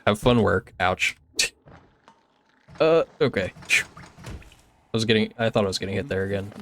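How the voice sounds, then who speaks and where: Easygoing young man streaming, lower voice. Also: moderate pace, fairly bright tone, a little hiss or hum. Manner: chatty and easygoing, many filler "like"s. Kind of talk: casual gameplay commentary, reading chat.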